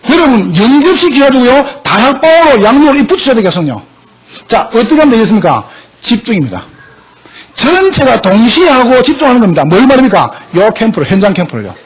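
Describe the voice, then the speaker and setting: A male pastor preaching a sermon emphatically, often asking the congregation questions. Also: very high voice.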